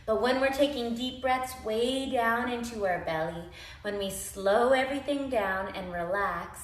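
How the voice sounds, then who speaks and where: A woman's voice: a little high, measured pace. A woman yoga instructor giving tips in a casual, upbeat, chatty vlog, encouraging her viewers. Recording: echoey room.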